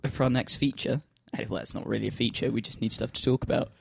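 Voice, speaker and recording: A man co-hosting a casual chat show, animated and a little prim, often laughing. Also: mid-range voice, fast, gravelly, slightly rough, no room sound, studio quality. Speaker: co-host. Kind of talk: casual podcast banter.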